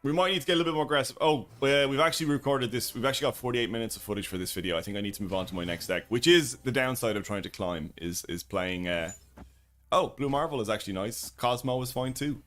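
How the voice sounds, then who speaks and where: Male streamer, mid pitch, chatty play-by-play over faint background music. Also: fast, a bit bright. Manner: chatty, thinking aloud, greets chat viewers. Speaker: streamer and YouTube host. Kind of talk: casual live-stream gameplay commentary.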